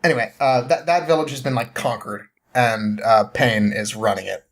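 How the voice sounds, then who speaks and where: On a podcast, a young male guest with a mid-pitched, steady voice and some vocal fry rambles through a story at a moderate pace. The chat is informal, and he chuckles often as he goes.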